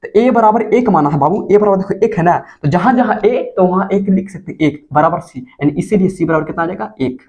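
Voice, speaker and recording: Guy teaching chemistry, high voice, keeps asking the class stuff and answering it himself. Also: brisk, hardly any pauses, darkish tone, lo-fi sound. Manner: coaxing, asks students questions and answers himself. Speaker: school teacher. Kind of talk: chemistry lesson for board exam students.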